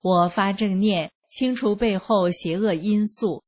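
Female reader, slow, husky-toned, steady scripted narration. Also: medium pitch. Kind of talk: scripted first-person narration.

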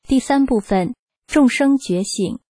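A woman reading a first-person testimony aloud for radio, earnest and measured. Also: on the high side, mellow, no echo. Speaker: radio reader. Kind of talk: scripted narration, read aloud.

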